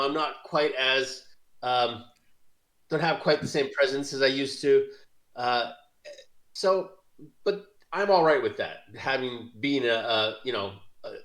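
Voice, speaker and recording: A man playing a tabletop role-playing game, describing his knight character in first person with many pauses and fillers. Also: medium pitch, a bit bright. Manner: hesitant, many fillers and laughs. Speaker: player. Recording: echoey room.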